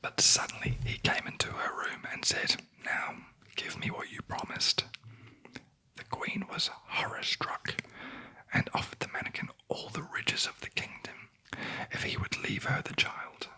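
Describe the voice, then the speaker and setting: A sleep story narrator whispering a fairy tale in a breathy ASMR voice, with dry, wry asides. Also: unhurried, poor audio. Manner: wry, deadpan commenting on the story.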